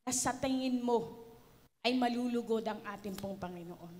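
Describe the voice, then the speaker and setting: A woman's voice: fairly high pitch, moderate pace, a little mellow. A woman with a Filipino accent preaching a sermon in a church, mixing Tagalog and English and calling out to the congregation for an "Amen". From Philippines. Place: church hall. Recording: long church hall reverb.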